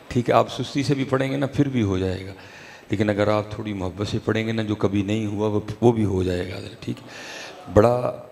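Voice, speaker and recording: A man delivering a sermon at a religious gathering, moving between slow chanted recitation and casual, conversational explanation. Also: on the low side, vocal fry, darkish tone. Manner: conversational, repeats "ٹھیک ہے جی". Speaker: religious speaker. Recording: echoey hall, faint background noise.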